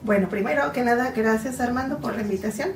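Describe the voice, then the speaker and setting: A woman in her forties from Mexico, a psychotherapist guest giving earnest, explanatory interview answers. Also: fairly high pitch. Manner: earnest, explanatory, slow in places. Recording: echoey room, distant from mic, faint noise.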